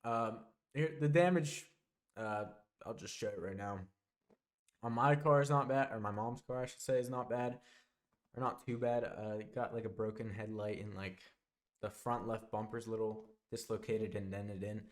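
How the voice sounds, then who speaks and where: A young man telling a casual storytime monologue, rambling and backtracking, often dropping into quieter asides. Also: lowish voice, fairly even intonation, normal speed. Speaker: vlogger.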